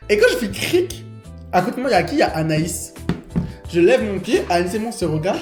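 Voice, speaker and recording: A man's voice: sits high, big pitch swings, quick pace. A young man telling a story in casual chat, acting out the dialogue with animation. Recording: roomy room with music behind.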